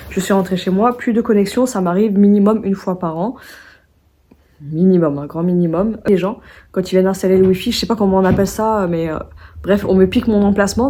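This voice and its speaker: A woman's voice: medium pitch, dark tone, slightly rough. A young woman vlogging at home in a rambling, chatty way, full of restarts and fillers. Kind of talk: casual vlog chat. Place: at home indoors.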